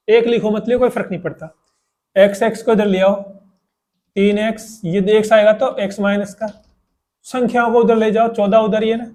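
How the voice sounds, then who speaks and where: Man, fairly high voice, math teacher at a classroom board, patient, repeats steps, quizzes students. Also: a little mellow. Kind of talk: blackboard math lesson.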